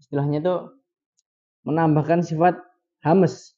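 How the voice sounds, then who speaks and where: A man teaching Quran recitation. He poses questions and answers them himself, and he repeats syllables slowly to demonstrate each sound. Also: a little high, steady tone, mellow. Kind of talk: recitation lesson. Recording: dull lo-fi recording.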